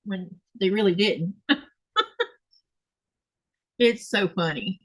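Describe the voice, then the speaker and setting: This Florida host speaks with a Southern US accent and takes her time, her mid-range voice moving slowly as she sews and reads comments in her home craft room. The chat is casual and meandering, with frequent self-corrections and fillers. No echo is heard.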